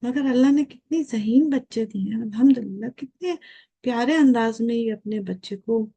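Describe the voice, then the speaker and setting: An older woman in her late fifties speaks as a guest with an earnest, reflective manner. Her voice is warm and mellow and sits somewhat high. She keeps turning to the viewers with questions and slips English phrases into her talk. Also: moderate pace, breathy edge. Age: 50s.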